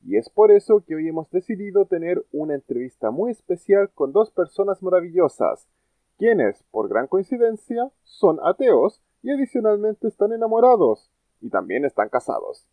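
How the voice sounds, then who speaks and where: A man's voice: high-pitched, sing-song, normal speed, no room sound. A man hosting an interview, introducing guests in an effusive, enthusiastic way. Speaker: podcast host. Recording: tinny phone-like sound.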